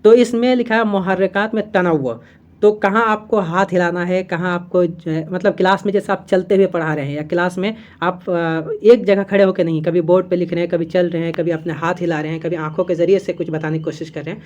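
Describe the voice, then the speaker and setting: A woman's voice: fairly low pitch, fairly even intonation, brisk, darkish tone, highs cut off. A woman teaching an exam-prep lesson, reading from notes and explaining step by step, with fillers and self-corrections as she repeats key terms.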